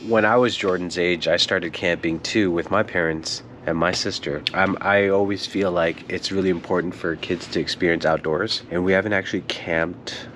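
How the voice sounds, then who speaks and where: Talking informally to his audience as "guys," this family vlogger has a low voice with fairly flat intonation. He keeps a moderate pace with barely any pauses, and background noise sits under the chat.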